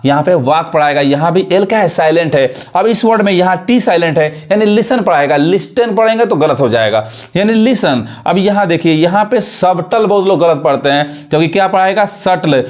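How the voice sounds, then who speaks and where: A man teaching English pronunciation, repeating words and asking his students rhetorical questions. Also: a little high. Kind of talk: explanatory teaching.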